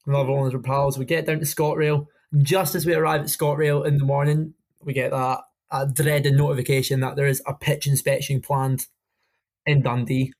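A young adult man with a Scottish Highland accent, chatting casually about sport in a colloquial, matey storytelling way as a podcast co-host. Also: flat delivery, fairly quick, a little mellow. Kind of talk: casual football chat.

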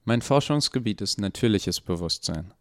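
A man's voice: on the low side, lively intonation, moderate pace, no room sound, clean studio sound, natural voice. A man playing an awkward, hesitant doctor. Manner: hesitant, full of ums. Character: awkward, evasive male research doctor.

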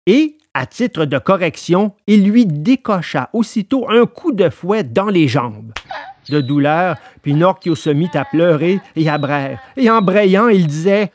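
Slow, lively storybook narrator, a man. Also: sits high, dry recording.

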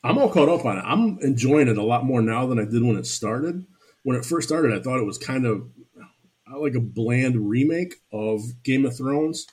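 A man speaks at a middle pitch with a husky, unclear edge. He is a guest on a podcast, chatting casually. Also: expressive, moderate pace, darkish tone. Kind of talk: casual chat.

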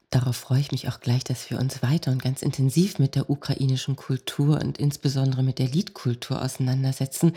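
A woman hosting a cultural podcast, introducing and questioning her guest in a measured way. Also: very deep voice, warm tone, slightly rough. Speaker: podcast host.

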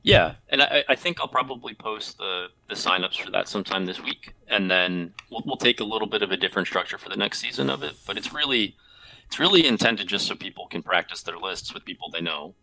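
Male co-host, deep but very bright, forceful voice, casual conversational explaining. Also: fairly quick, gravelly, poor audio. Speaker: podcast co-host. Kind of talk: casual chat.

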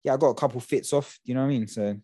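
A man's voice: medium pitch, racing, warm tone, dry recording, studio quality. A young man, hosting a podcast in casual, slangy chat. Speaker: podcast host.

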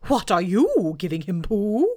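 A woman voicing a self-important old male owl who talks loudly and fussily. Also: mid-range voice, big pitch swings, unhurried. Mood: pompous. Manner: loud, fussy and self-important.

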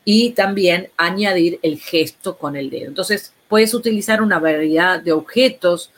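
Patient woman explaining speech therapy. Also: lowish voice. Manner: patient, instructive, slow deliberate examples.

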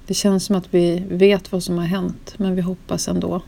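A narrator with a low, gravelly, mellow voice reads her own first-person memoir as scripted storytelling. She speaks slowly and solemnly, heavy with grief, and her pitch barely moves.

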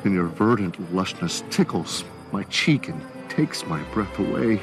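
Male actor as earnest TV comedy dad: low, tender, poetic crooner, music underneath. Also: big pitch swings, unhurried, exaggerated voice. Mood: tender, rapturous. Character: earnest dad romancing his lawn, poetic. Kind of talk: TV comedy acting, overblown romantic verse. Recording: TV show clip over music.

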